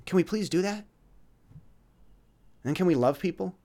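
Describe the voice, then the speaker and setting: A man giving a casual, reflective monologue of life advice, earnest, often restarting his words and swinging between louder and softer passages. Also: high-pitched, animated, normal speed.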